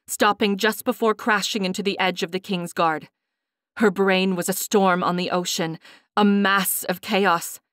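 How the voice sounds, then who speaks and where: A woman narrating a fantasy audiobook in a measured, dramatic storytelling manner. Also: mid-range voice, fairly bright tone, no room sound, studio quality.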